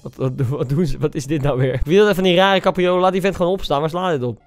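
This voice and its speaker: A young man's voice, pitched a little above average and smooth and crisp, reacts to clips in casual commentary. He sounds incredulous and teasing, firing off quick exclamations. Soft music plays faintly underneath. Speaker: YouTuber.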